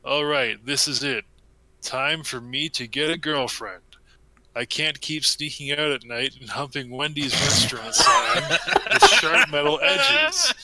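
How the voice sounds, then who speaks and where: A young man reading a comic story aloud to friends in a deadpan way, with a close mic. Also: mid-range voice, unhurried, noisy background. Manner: deadpan reading, breaking into laughter.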